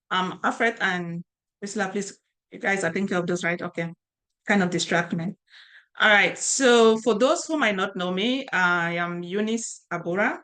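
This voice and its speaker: A woman's voice: mid-range voice, fairly bright tone. A middle-aged woman from Cameroon, a cybersecurity instructor presenting an online training session over a video call, talking conversationally with fillers and restarts. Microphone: webcam video call.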